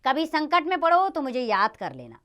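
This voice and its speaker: A woman as wise old guru, earnest, warning, lively rise and fall, storybook play. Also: high voice, normal speed, lo-fi sound, voice pushed up, full character voice. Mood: advising. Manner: earnest, advising.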